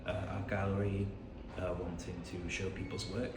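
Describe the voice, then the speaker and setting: A man's voice: low-pitched, little pitch movement, moderate pace. A man from Swansea with a Welsh accent, speaking hesitantly and reflectively as an artist being interviewed in a cafe gallery. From Swansea, Wales. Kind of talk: informal interview answers. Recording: echoey, very noisy cafe gallery.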